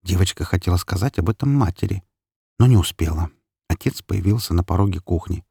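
A male narrator reading a dark story aloud in a low, gravelly voice, steady and even. The close mic gives a very dry sound with no room to it. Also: brisk, dry recording. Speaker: audiobook narrator. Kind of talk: scripted narration.

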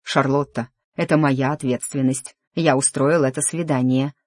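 A reader voicing a tense, stubborn young nobleman in an audiobook, speaking slowly and with restraint. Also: mid-range voice, fairly even intonation, a little mellow, no room sound, clean studio sound, lightly acted. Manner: restrained, clipped, slow. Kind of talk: audiobook character dialogue.

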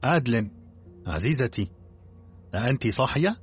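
A man voicing a hesitant, polite middle-aged colonel in an audiobook, flustered and mild, with a husky voice. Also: medium pitch, big pitch swings, normal speed, faint music behind, pitched above the performer's own voice.

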